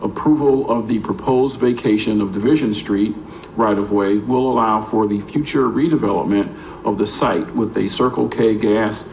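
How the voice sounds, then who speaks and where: Gravelly American man reading a formal report. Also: fairly low pitch, moderate pace, a little mellow. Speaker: city planning staff member. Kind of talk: formal staff report, read aloud. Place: public meeting room. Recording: echoey room with faint noise.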